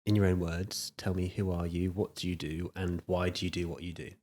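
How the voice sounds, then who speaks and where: A man's voice: deep voice, level tone, a little fast, a little mellow. A man hosting a podcast, asking questions in an encouraging way with many listening murmurs. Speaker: podcast host. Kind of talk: podcast interview.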